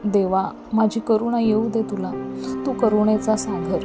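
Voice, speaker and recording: A woman reading an audiobook voices a devout young mother imploring God in prayer, with soft music behind. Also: mid-range voice, steady tone, unhurried, lightly acted.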